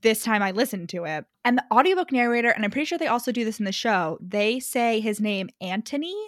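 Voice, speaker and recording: A young woman co-hosting a casual book podcast, animated and quick to laugh, with lots of "like". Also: a little high, dry recording, studio quality. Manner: animated, laughs often, many likes. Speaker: podcast co-host.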